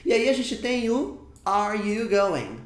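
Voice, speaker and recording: A man teaching English in an online lesson, emphatic and repetitive, saying English example phrases slowly. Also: high voice, sing-song, echoey room.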